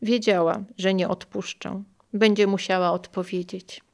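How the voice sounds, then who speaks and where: An older woman reading her own memoir aloud in a calm, measured, quietly emotional way. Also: mid-range voice. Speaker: memoir narrator.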